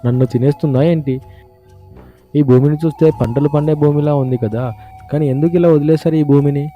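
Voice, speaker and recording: A man voicing a poor, bold young farmer in a storybook cartoon, answering with quick wit. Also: fairly high pitch, steady tone, highs cut off, soft background music, natural voice. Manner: bold, quick-witted replies.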